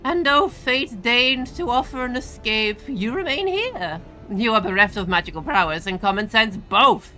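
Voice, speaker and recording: A woman's voice: fairly high pitch, expressive, bright, forceful tone, faint music behind, voice pushed up. A woman doing a haughty, mocking father figure. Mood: scornful. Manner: mocking, theatrical, drawn-out lines. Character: haughty scornful father speaking through a familiar.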